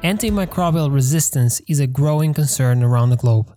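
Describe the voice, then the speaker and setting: A man hosting a podcast, reading scripted narration in an even, read-aloud delivery. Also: medium pitch, fairly quick, soft background music. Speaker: podcast host.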